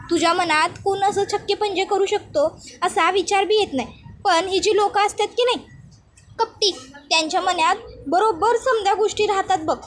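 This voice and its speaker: A manipulative village woman wheedles and points fingers in rustic dialect, as a woman narrator puts her on. Her voice rides high and bright. A faint background hum is present.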